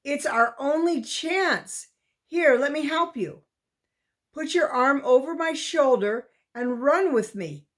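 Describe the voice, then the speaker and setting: A woman's voice: high-pitched, expressive, takes it slowly, a bit bright, voice pushed up, exaggerated voice. A woman voicing a determined young mountain boy in a storybook reading, urgent and commanding.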